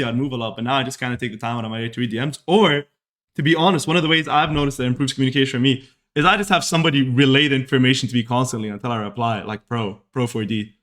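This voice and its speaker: This streaming podcast host is a young man from Saudi Arabia whose mid-range voice has a slightly bright edge. Speaking casually to his live chat, he comes across as earnest and self-reflective, often repeating himself.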